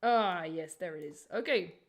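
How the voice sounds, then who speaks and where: A woman's voice: fairly low pitch, measured pace. Casual woman streamer with a Turkish accent. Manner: informal, chatty, addressing viewers. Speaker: streamer, animator. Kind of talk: casual livestream chat and explanation.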